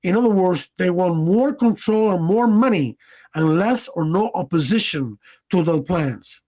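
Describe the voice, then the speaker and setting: A Cuban man with a high-sitting, darkish voice gives a slide presentation as a director of education. He talks earnestly, leaning hard on individual words, and trips into fillers and restarts when reading out details.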